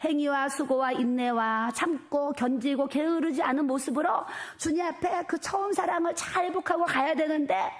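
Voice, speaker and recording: A middle-aged woman pastor preaching a sermon in a church, emphatic and animated, with many repeated fillers. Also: high voice, normal speed, few pauses. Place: church sanctuary.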